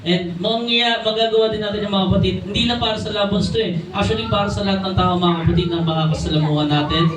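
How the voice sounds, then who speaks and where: A young Filipino man preaching a sermon to his congregation, often calling them brothers and sisters and slowing down for key English phrases. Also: high voice, steady tone, a crowd in the background. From Philippines. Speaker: church preacher. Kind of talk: sermon mixing Tagalog and English. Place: church hall. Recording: echoey room from a distant mic.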